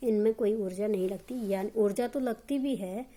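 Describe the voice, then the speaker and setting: A woman's voice: medium pitch, moderate pace, dark tone. A woman teaching a grammar lesson, explaining step by step and answering her own questions.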